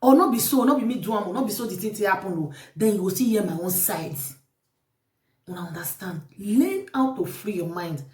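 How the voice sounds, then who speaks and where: An animated woman with a mid-range, darkish voice speaks a little fast in a Nigerian Pidgin accent, repeatedly urging her viewers with life advice in a casual vlog monologue. It's recorded from a distance in an echoey space.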